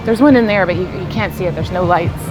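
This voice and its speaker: A woman's voice: fairly low pitch, quick pace, loud music behind the voice, poor audio. A woman giving a casual, chatty walking tour as a vlogger, rambling informally as if to a friend. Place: walking around an open cruise ship deck.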